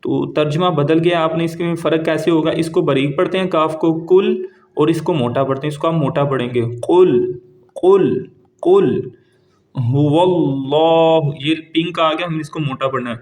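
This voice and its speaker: In a step-by-step tajweed lesson, a man with a voice slightly higher than most men's lays out each rule in plain terms. He then recites the words slowly, drawing them out and repeating them so learners can keep up, all in a steady tone.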